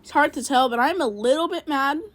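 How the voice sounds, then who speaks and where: Woman, high voice, dry close sound, casual racing game commentary, rambling, self-critical, lots of ums. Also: a little fast, dry recording. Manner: rambling play-by-play, self-critical, many fillers. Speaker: gaming video creator.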